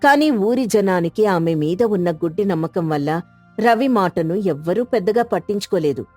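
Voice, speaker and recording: A woman giving steady, scripted storybook narration. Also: medium pitch, moderate pace, faint music behind.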